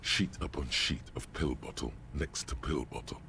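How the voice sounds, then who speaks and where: Man putting on a brooding detective inner voice, extremely deep, gravelly, wry, game narration. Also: moderate pace, pushed and bright, a little hiss or hum, exaggerated voice.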